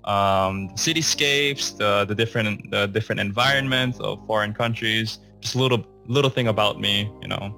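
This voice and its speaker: A young man from Hong Kong co-hosting a casual podcast, chatty and quick to laugh, slipping in Filipino words. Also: on the low side, creaky, sharp tone, faint music behind. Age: young adult. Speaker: podcast co-host.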